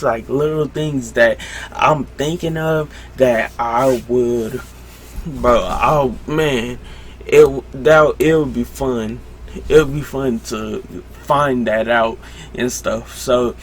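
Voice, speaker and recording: A man's voice: mid-range voice, slight background noise. A young man hosting a solo podcast at home late at night, rambling casually with lots of fillers and breaking off his own sentences. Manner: loose, self-interrupting, lots of fillers; slow, drowsy late-night talk.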